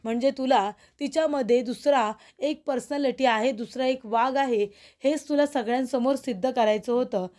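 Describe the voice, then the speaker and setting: A woman's voice: sits high, normal speed, few pauses, a little mellow, close to an everyday voice. A woman voicing a senior male lawyer in a retold TV serial, firm and approving, in her own voice. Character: man, proud senior lawyer.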